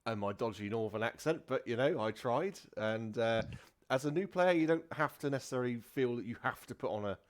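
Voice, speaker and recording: A man's voice: mid-range voice, expressive, a little fast. A man hosting a casual tabletop gaming podcast as the dungeon master, rambling with many fillers and restarts.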